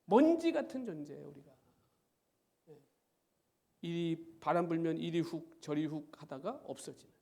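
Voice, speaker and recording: A middle-aged male pastor preaching a sermon, firing rhetorical questions at the congregation in an animated way. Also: sits high. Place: church sanctuary.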